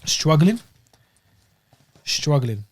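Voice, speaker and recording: A man chats in a slightly high-pitched voice as a studio podcast co-host. His talk is casual and teasing, full of short jabs, wordplay and mimicked phrases. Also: very animated, very slow, dry recording. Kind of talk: casual banter.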